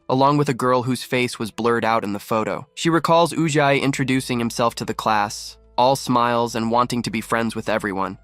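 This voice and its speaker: A man's voice: medium pitch, a bit bright, no echo. Man narrating a recap, dry close mic. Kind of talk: scripted narration.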